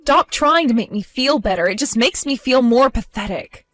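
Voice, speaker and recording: A woman's voice: mid-range voice, unhurried, faint music behind, lightly acted. Woman playing a guilt-ridden, self-doubting mother. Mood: distraught. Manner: tearful, self-reproaching, pleading.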